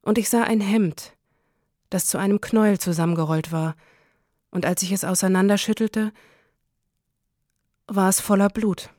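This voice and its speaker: A woman reading a first-person literary story in a calm, measured way. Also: medium pitch, dry recording, clean studio sound. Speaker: audiobook narrator.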